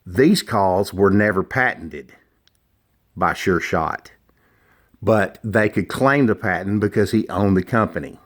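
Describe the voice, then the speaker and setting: A middle-aged man explaining and demonstrating handmade products informally, in a deliberate, emphatic and opinionated manner. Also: low voice, a bit bright. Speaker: duck call maker.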